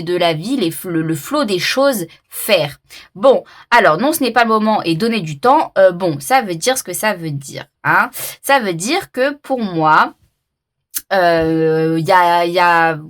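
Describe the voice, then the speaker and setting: A woman giving a casual oracle card reading to her viewers, thinking aloud with many fillers and restarts. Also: mid-range voice. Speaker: tarot reader.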